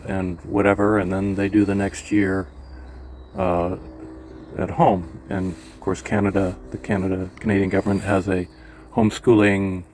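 Older male storyteller, deep-voiced, loose and rambling delivery. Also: darkish tone, a little hiss or hum. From California. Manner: rambling, many fillers and restarts. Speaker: memoir vlogger. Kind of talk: casual personal storytelling.

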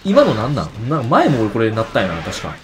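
A man's voice: medium pitch, huge pitch swings, a little fast, a crowd in the background. A man giving casual let's-play commentary, chatting to himself and talking back to the enemies on screen. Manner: chatty, reacts aloud and talks back to enemies. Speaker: game streamer. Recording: game music playing loudly behind.

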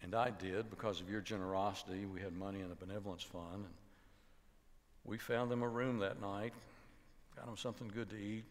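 With a voice on the low side and a brisk pace, an older man preaches a sermon full of stories, animatedly acting out the voices of the people in them and occasionally dropping to a hush. He's a pastor in a large church sanctuary with the choir behind, and the hall's reverb rings long.

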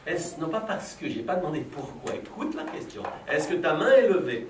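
This is a fairly high-pitched man's voice with big pitch swings at a moderate pace. A middle-aged leader of a children's philosophy workshop, he probes, teases and plays with a class through Socratic questions in a school classroom. The recording is distant and roomy, and faint noise sits in the background.

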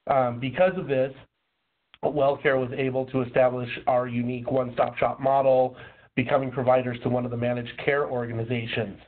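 A man's voice: mid-range voice, flat delivery, brisk. A man presenting in a polite, formal way, his voice rusty and under the weather with a cold. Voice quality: rusty, slightly rough voice. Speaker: presenter, program local lead. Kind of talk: prepared webinar presentation. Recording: muffled, narrow phone-like line.

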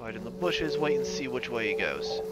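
A man's voice: medium pitch, animated, moderate pace. A man streaming a game live, joking, half-singing and mimicking lines as he plays. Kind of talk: live gameplay commentary. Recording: game music under the voice. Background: game music.

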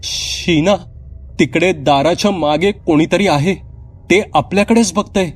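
A man's voice: mid-range voice, normal speed, pitched above the performer's own voice, lightly acted. A man voicing a frightened young girl who insists she saw something in her room, speaking in a pleading, panicky way.

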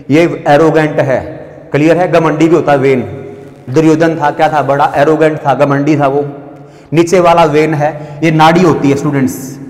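A male teacher giving an exam-prep vocabulary lesson, explaining each word, spelling it letter by letter and asking students if it is clear. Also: on the high side, a little mellow. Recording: echoey classroom with long reverb.

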